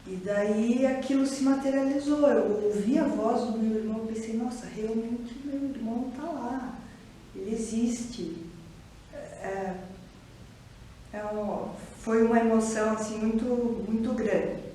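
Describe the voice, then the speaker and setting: A woman with a Curitiba Brazilian Portuguese accent speaks slowly and thoughtfully, pausing often as she reflects in an interview. Her voice is mellow and warm. It was recorded from some distance in a very echoey room, with faint ambience behind her. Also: fairly high pitch, fairly even intonation, slight background noise. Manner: reflective, hesitant, many pauses and restarts. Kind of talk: personal testimony interview.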